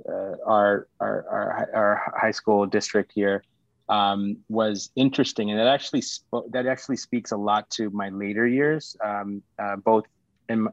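A middle-aged man born in Sri Lanka, a startup founder talking as a podcast guest, pausing and restarting often. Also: on the low side, no room sound, dull audio. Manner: halting, many restarts and fillers. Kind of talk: casual interview talk.

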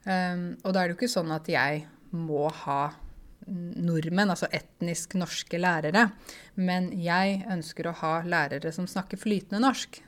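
A woman with a somewhat low voice talks casually to her viewers about running a language school. She explains patiently, pausing often with fillers as she searches for words. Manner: hesitant, many fillers, explanatory. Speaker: online language school owner. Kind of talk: casual monologue answering viewer questions.

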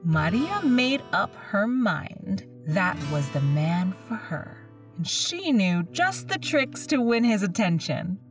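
A woman in the role of a horror host, narrating a spooky story with theatrical, drawn-out suspense. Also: mid-range voice, sing-song, distant mic. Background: music.

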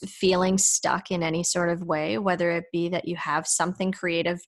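A woman's voice: fairly low pitch, little pitch movement, normal speed. A woman hosting a podcast interview, talking in a chatty, encouraging way and laughing often. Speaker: podcast host.

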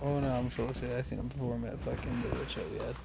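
A man's voice: mid-range voice, level tone, quick pace, creaky. A man chatting casually, teasing and swearing in slang, recorded off-mic. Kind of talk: casual chat. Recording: very roomy, noisy, off-mic.

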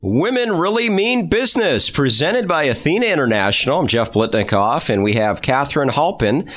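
A man's voice: mid-range voice, a bit bright. Chatty self-deprecating male podcast host. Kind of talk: casual podcast interview.

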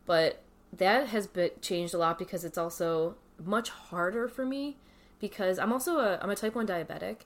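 A woman's voice: mid-range voice, moderate pace. A woman in her thirties talking casually and reflectively as an interview guest, recorded indoors in a wooden cabin. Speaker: podcast guest. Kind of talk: casual, reflective personal chat.

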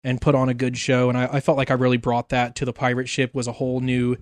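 A man guesting on a podcast, telling lively stories in casual chat. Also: medium pitch, quick pace, dry recording. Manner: animated storyteller.

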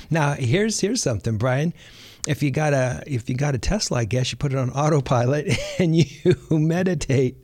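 A man hosting a podcast, talking in a relaxed, chatty way and often repeating words as he thinks. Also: on the high side, moderate pace, no echo. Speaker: podcast host. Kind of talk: casual podcast talk.

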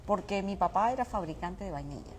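Speaking a little fast, this Venezuelan woman from Mérida has a medium-pitched, animated voice with a darkish tone. A small business owner, she tells personal stories in a relaxed interview recorded in a restaurant, with faint background noise.

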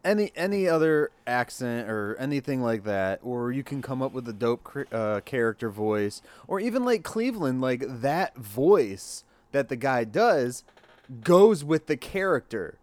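A man's voice: medium pitch, very animated, unhurried, darkish tone. A man with a stoner voice, chatting casually in a laid-back, rambling way. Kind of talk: casual chat.

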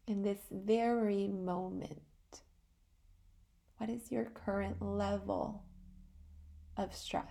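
A guided meditation podcast host leads a meditation very unhurriedly, leaving long pauses between short phrases. Her medium-pitched voice is soft-edged and mellow with a creaky fry, sounding calm and soothing.

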